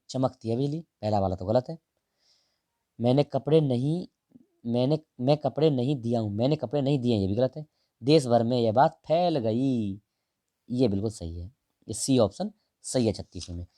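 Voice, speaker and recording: A man teaching exam prep, going through answers one option at a time in a casual, direct way and drawing some words out slowly. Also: medium pitch, animated, mellow, no room sound, clean studio sound. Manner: explains each option, stretches out words while writing; casual and direct, calls the listener brother. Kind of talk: answer-key walkthrough lesson.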